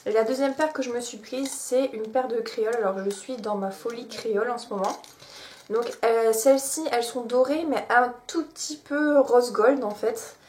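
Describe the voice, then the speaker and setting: A young woman chatting casually to camera from her bed, showing what she bought, with many small pauses. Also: on the high side, a little mellow, a little hiss or hum. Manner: chatty, many fillers and restarts. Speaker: vlogger. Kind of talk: casual haul vlog. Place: bedroom, sitting on her bed.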